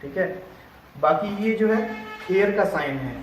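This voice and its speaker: Man, instructor, high voice, explains step by step, distant mic, echoey room. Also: lively intonation, measured pace, music in the background. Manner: explains step by step, often checks understanding. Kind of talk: classroom lesson.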